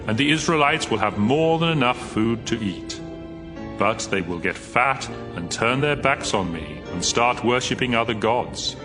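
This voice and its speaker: An actor playing God as a solemn, wrathful, commanding deity making authoritative pronouncements in a dramatized scripture reading. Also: male voice, fairly low pitch, lightly acted.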